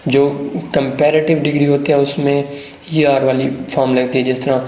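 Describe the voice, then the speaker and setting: A man teaches a grammar lesson at a middle pitch. He keeps asking the viewer questions and answering them himself, and he reads example sentences slowly, word by word. The room has a noticeable echo. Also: little pitch movement, darkish tone, dull audio. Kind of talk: classroom-style grammar lesson. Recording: roomy, echoey room.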